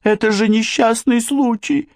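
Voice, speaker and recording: A man voicing a frightened, weeping young woman in an audiobook, pleading in a shrill voice. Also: measured pace, darkish tone, no echo, studio quality, lightly acted. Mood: panicked tearful. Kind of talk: audiobook character voice.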